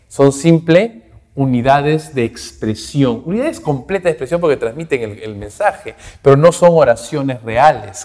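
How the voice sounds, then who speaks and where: A man's voice: a little high, a little mellow. A man teaching English grammar in a recorded class lecture, explaining in Spanish and ending phrases with "¿no?" and "¿ok?". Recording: echoey hall reverb.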